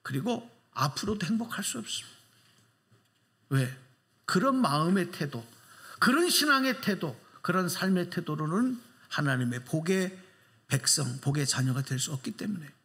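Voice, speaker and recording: An animated pastor preaches at a moderate pace in a somewhat bright voice. Emphatic throughout, he challenges his church congregation with rhetorical questions and widely varying pitch for emphasis.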